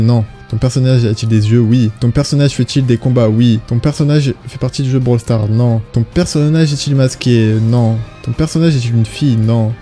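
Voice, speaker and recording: A man's voice: mid-range voice, mellow. A young man casually commenting on a guessing game, reading each question aloud and answering with hesitant fillers. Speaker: YouTuber.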